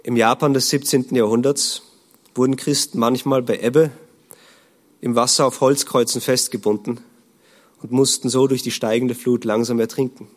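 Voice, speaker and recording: A man preaching a sermon in an earnest tone, asking rhetorical questions and often dropping to a low, hushed voice. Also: steady tone, normal speed.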